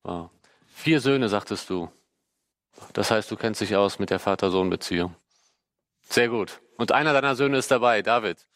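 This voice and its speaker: Low-voiced host guy, dry close sound, lots of wow and super. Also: normal speed, pauses often, fairly bright tone, dry recording. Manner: friendly, encouraging interjections. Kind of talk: hosting a panel talk.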